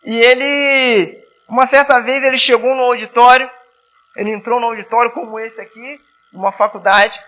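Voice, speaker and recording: Bright-voiced missionary man preaching. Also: extremely high pitch, fairly even intonation, moderate pace. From southern Rio de Janeiro state, Brazil. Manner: conversational, repeats and restarts, asks the congregation "né?". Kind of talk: sermon. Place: church hall.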